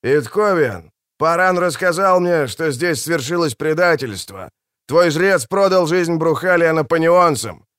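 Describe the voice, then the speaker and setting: A gruff, scornful warrior who gives blunt verdicts, as a man acts him out in an audiobook. The voice sits somewhat high and swings widely in pitch. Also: expressive, measured pace, fairly bright tone, no echo, studio quality. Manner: blunt, rumbling. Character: gruff, tiger-eyed male warrior, scornful.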